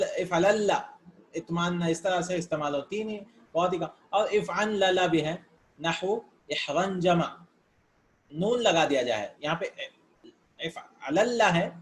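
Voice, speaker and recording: A man teaching Arabic grammar in a casual lesson, reading words aloud and explaining them in with English terms mixed in, sometimes thinking aloud. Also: on the high side.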